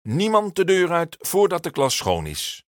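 A man voicing a patient but firm male schoolteacher in a storybook reading, a teacher who calls out loudly to his class. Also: on the low side, sing-song, moderate pace, dry recording, clean studio sound. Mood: calling out.

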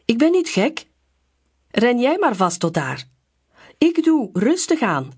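Woman doing a calm, unhurried little lamb. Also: fairly high pitch, breathy edge, pitched above the performer's own voice, exaggerated voice. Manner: calm, unhurried, gently firm. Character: calm, slow young female lamb.

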